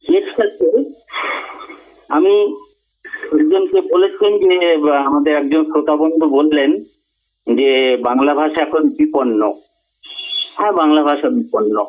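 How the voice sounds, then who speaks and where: A man gives an earnest radio talk as a guest speaker, making his points in measured, emphatic phrases. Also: on the high side. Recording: tinny phone-like radio audio.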